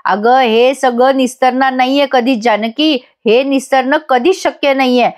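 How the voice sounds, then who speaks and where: A woman's voice: high-pitched, fairly even intonation, moderate pace, natural voice. A woman reading the lines of an angry, hurt young husband from a TV serial, in pleading, exasperated outbursts.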